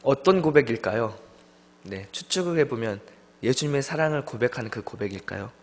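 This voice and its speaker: A young man preaching a sermon as a junior pastor, telling stories with lively delivery and acting out the voices of friends. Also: medium pitch, a little fast. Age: young adult. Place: church sanctuary. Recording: long church hall reverb.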